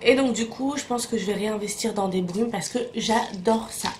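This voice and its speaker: A young woman from Morocco chats through a casual beauty review, medium-pitched and easygoing. She leans on fillers and says the same word several times in a row. A faint hiss sits under the voice. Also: normal speed. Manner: chatty, many fillers and repeated words. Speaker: beauty vlogger.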